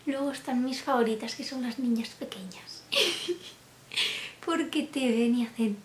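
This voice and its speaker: A woman's voice: fairly high pitch, a little slow. Chatty young woman, giggly. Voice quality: laughs often, drops into soft asides. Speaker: vlogger. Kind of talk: casual chat to camera. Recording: roomy room with faint hiss.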